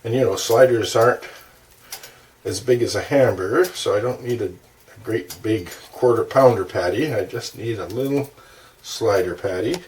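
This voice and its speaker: Male cooking host, low voice, unhurried chat, heard from across a kitchen with pans clattering. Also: a little mellow. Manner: unhurried, chatty, narrates each step. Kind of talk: casual cooking demonstration. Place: home kitchen. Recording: distant mic with kitchen noise.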